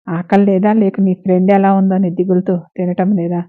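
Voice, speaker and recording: A woman reading the lines of a worried middle-aged mother who speaks softly and tenderly. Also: medium pitch, level tone, a little fast, dry recording, lightly acted. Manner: soft, caring. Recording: narrow phone-like lo-fi sound.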